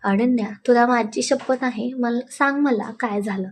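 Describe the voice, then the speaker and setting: A woman's voice: fairly high pitch, measured pace, slight background noise. A woman doing a protective young fiancé. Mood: urgent. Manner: urgent, pleading then soothing. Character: young man, devoted fiancé, protective and hot-tempered.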